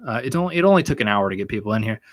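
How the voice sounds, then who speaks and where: Speaking rapid-fire with lively intonation and a fairly low pitch, a young American podcast host fields his livestream chat. He's crude, jokey and full of swearing. The studio-quality, dry recording comes from a stand mic in front of him in a small room.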